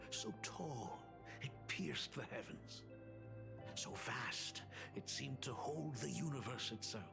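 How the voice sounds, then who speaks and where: An actor playing a solemn, aging father in a video game, with an old man's gravelly voice and a grave, wistful delivery. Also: medium pitch, animated, slow, over music. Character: solemn aging father, fatherly artist burdened by family curse. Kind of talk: dramatic video game voice acting.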